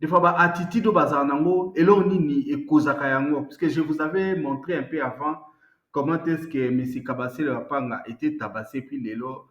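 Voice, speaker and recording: A man's voice: a little high, brisk, reverberant, dull audio. A man hosting online news commentary, talking in a rambling, conversational way. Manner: rambling, code-switching commentary. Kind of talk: casual commentary.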